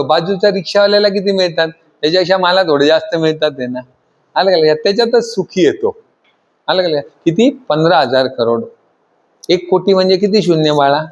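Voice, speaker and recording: High-voiced trainer questioning a class. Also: male voice. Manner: asks the class constant questions and pushes them to answer louder. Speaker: trainer addressing students. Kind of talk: classroom lecture.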